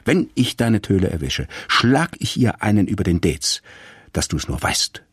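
A man's voice: on the low side, big pitch swings, normal speed, slightly rough, no echo, clean studio sound. A man voicing a bitter old man who snaps angrily and makes threats. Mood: threatening. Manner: snapping angrily.

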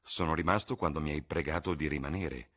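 A man voicing an earnest, devoted painter who speaks in a low, subdued, pleading way. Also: a little fast, fairly bright tone.

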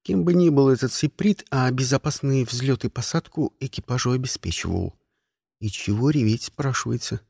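A man's voice: mid-range voice, moderate pace, creaky, darkish tone, slightly rough, dry recording, studio quality. A man narrating an audiobook in the first person, with a wry, sardonic storytelling manner.

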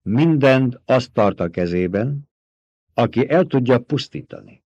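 Man reading a stern young desert leader, sharp and commanding, dull dry recording. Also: medium pitch, expressive, breathy edge, dry recording. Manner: sharp, forceful questioning.

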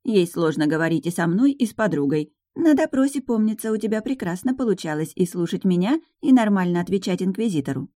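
A woman's voice: fairly low pitch, expressive, fairly quick, few pauses, dark tone, dry recording. A woman voicing a small sardonic male dragon familiar who teases and lectures. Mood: teasing. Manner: teasing, dry, lecturing. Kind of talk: audiobook narration.

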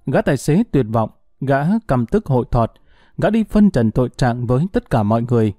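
Dark, mellow male storyteller. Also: big pitch swings, brisk, dry recording, studio quality. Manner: voices shifting figures, rising pitch in pleading lines. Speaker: narrator. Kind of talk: audiobook narration with acted dialogue.

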